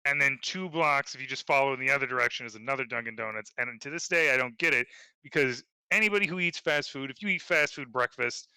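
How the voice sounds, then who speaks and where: Bright, smooth-voiced male guest. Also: medium pitch, fast, no echo, poor audio. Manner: laughs often, blunt opinions. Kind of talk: casual podcast chat.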